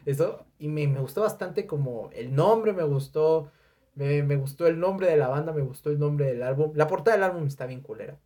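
A young adult speaker with a Mexican accent reviewing an album on a casual podcast, animated and profane, breaking into shouted sound imitations. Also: medium pitch, moderate pace. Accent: Mexican Spanish. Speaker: music reviewer.

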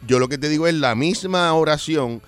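A man's voice: on the high side, normal speed. A man, co-hosting a talk show in casual banter, playfully acting out quoted lines. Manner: playful, acts out quoted lines in put-on voices. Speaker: radio show co-host.

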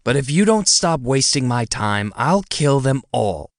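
A man voicing a tiny, smug, bat-winged male demon who mocks and threatens in a quick, lowered voice. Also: very animated, no room sound, studio quality. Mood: menacing. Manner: mocking, quick, menacing.

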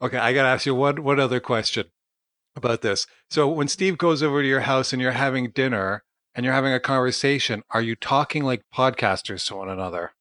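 A man's voice: medium pitch, brisk, pushed and bright, dry recording, studio quality. A man interviewing a podcast guest and asking questions with eager enthusiasm.

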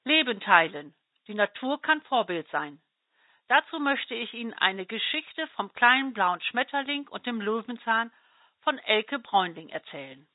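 Parish volunteer lady reading a kids story, gentle, kinda high voice, phone-tinny. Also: sing-song, measured pace, no echo. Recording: dry, tinny phone-like sound.

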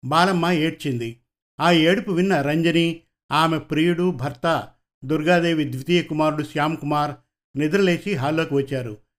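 A man with a fairly high voice narrates a crime story. He reads in an even, measured way. His tone stays steady from line to line. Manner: even, measured storytelling, voicing characters' dialogue. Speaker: audiobook narrator. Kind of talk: scripted narration.

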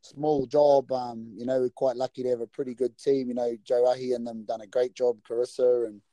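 Male host, New Zealand accent, slangy and laid-back, mellow tone, dry sound, casual sports talk. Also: mid-range voice, little pitch movement, brisk, no room sound.

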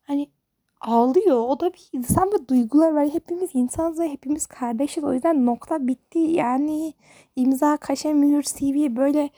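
A teenage girl with a high, mellow voice vents to the camera in a casual, rambling monologue. She sounds fed up and exasperated, and her words tumble out in loose asides. The sound is dry and close, with no room around it. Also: moderate pace, dry recording. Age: teens. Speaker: high school student.

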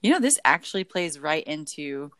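A woman's voice: low voice, sing-song, moderate pace, fairly bright tone. A woman co-hosting a podcast, chatting casually about faith and rambling with many fillers and self-corrections. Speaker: podcast co-host.

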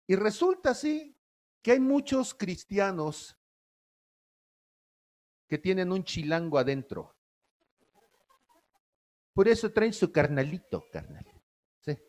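Preacher, high voice, slow and folksy, keeps asking the crowd. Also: male voice, very animated, a little mellow. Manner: folksy, asks the audience "¿sí?" often. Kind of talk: sermon.

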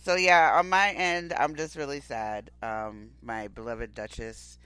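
Bright, animated man in his forties. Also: mid-range voice, unhurried, clear, resonant tone, dry recording. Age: 40s. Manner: animated, expressive storyteller. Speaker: podcast co-host. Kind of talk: casual chat.

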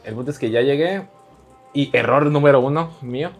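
A man with a Mexican accent tells a crude story as a podcast guest, loose and casual. He plays out the back-and-forth of the dialogue himself. His voice sits at an ordinary middle pitch. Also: brisk, soft background music. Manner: crude, joking, acts out dialogue.

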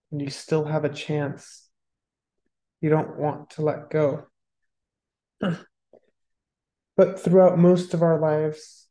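A meditation guide talks listeners through a session in a calm, mellow voice. The delivery is very slow and hardly rises or falls, with long pauses between phrases. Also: medium pitch.

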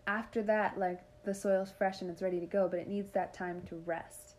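A woman's voice: mid-range voice, little pitch movement, normal speed, a little mellow. A woman co-hosting a podcast, chatting casually and rambling with lots of "like" as she explains her ideas. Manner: rambling, heavy use of "like". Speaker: podcast co-host. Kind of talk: casual chat.

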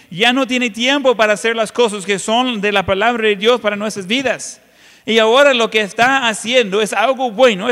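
A male pastor preaching a sermon, swinging between loud passages and hushed ones. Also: sits high. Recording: long reverb of a large hall.

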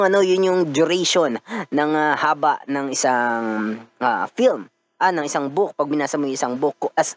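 Filipino guy hosting a podcast, kinda stuffy from a cold, laughs a lot, just chatting casually. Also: mid-range voice. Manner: chatty, laughs often, mixes in English. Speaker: podcast host.

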